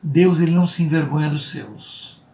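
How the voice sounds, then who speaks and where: A Brazilian pastor teaching a church Bible school class, explaining step by step and often checking in with "né?" and "tá?". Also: male voice, fairly high pitch, dark tone, a little hiss or hum. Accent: Brazilian Portuguese. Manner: slow, deliberate, spells out letters. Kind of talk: Bible study lesson.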